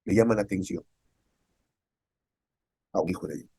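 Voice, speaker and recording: A man's voice: deep voice, moderate pace, vocal fry, slightly rough, dry recording, clean studio sound. A male pastor with a Peruvian Spanish accent preaching a devotional sermon. He keeps asking the listeners rhetorical questions and acts out quoted people in a raised voice. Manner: animated, often acts out quoted speakers in a raised voice.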